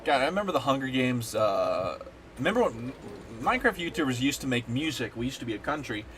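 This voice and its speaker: While playing on stream, this young man rambles and swears casually, filling gaps with plenty of fillers, his nose slightly blocked. He talks at a quick pace in a medium, sing-song voice with a fairly bright tone.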